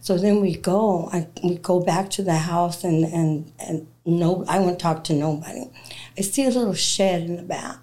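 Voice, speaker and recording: Animated woman telling her testimony. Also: fairly low pitch, moderate pace. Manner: animated, acts out quoted dialogue; laughs while telling. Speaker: interview guest. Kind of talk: personal testimony storytelling.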